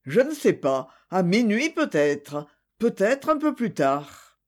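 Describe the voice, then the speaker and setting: A man's voice: sits high, very animated, slow pace, exaggerated voice. A man voicing a proud young man under suspicion who answers defensively. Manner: defensive, tense.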